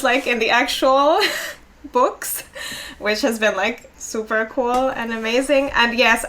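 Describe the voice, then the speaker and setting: A young Finnish woman, a native speaker co-hosting a podcast, chats casually and sprinkles her talk with "like" and small laughs. Her voice is fairly high and a bit bright.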